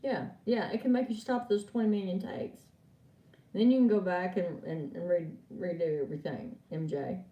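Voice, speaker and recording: A woman's voice: lowish voice, moderate pace, muffled recording. A woman giving an oracle card reading on a live stream, chatting and laughing with viewers she calls by name. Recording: echoey room, far from mic.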